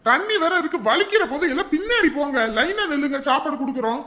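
An actress playing a loud, bossy village woman handing out food and ordering a crowd into line. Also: high voice, animated, fast.

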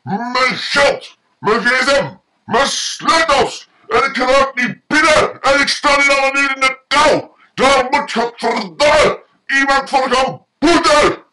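A man voicing an angry drunk man who yells and swears over and over. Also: very high-pitched, slow, pitched above the performer's own voice, exaggerated voice, low-quality recording. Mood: angry shouting. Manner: yelling, swearing, repeating himself. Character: furious drunk man locked out, shouting.

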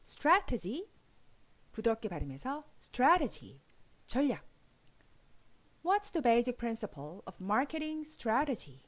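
A woman teaching English vocabulary, reading example sentences slowly and clearly. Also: on the high side, very animated, a little mellow. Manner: slow, carefully enunciated example sentences. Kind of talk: language lesson. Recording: faint background music.

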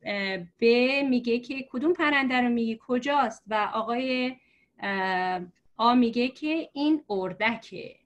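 A woman teacher telling a story to explain letters, patient and slow, with many fillers. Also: fairly high pitch, dull audio. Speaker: religious script teacher. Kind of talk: storytelling lesson for learners.

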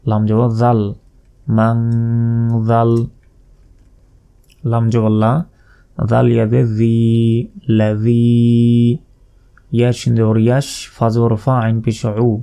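A man with a Bangladeshi accent teaching recitation, spelling out each letter slowly and deliberately, then drawing out the recited phrases. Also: medium pitch, completely flat delivery, creaky, dark tone, smooth.

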